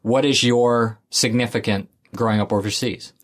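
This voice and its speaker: Husky male host, steers the talk by summing up. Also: medium pitch, steady tone, moderate pace. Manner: summarizing, guiding questions, recaps points. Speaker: interview host. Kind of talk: conversational interviewer.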